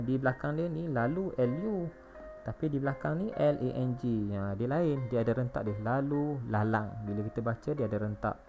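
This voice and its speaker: A man's voice: medium pitch, gravelly, darkish tone. A male primary school teacher with a Malaysian Malay accent, patiently walking young pupils through a recorded lesson and spelling words out letter by letter. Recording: dull lo-fi recording with faint music.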